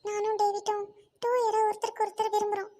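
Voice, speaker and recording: A woman's voice: very high-pitched, monotone, fast talker, mellow. A woman voicing a young woman doctor who pleads and insists, in an amateur audio drama. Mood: pleading.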